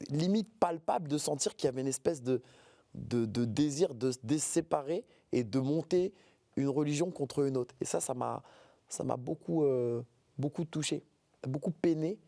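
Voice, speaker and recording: A man's voice: mid-range voice, lively intonation, normal speed, warm tone, dry recording. A man in his forties from the Paris suburbs, speaking earnestly as an interview guest, often hesitating and repeating words. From France, Paris suburbs. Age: 40s.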